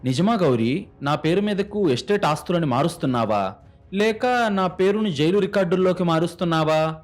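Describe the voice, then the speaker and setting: A man's voice: on the high side, moderate pace, soft background music, pitched above the performer's own voice, lightly acted. A man voicing a betrayed young adopted son who speaks bitterly and mockingly, in a narrated crime story.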